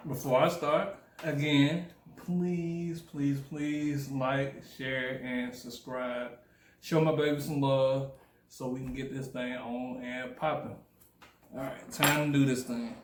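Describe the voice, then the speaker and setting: A man's voice: medium pitch, steady tone, measured pace, echoey room, a little hiss or hum. A man tasting a dish on camera, joking and playful, talking while he chews. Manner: playful, joking, chewing between words. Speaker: host's husband tasting the food. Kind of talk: casual chat while eating.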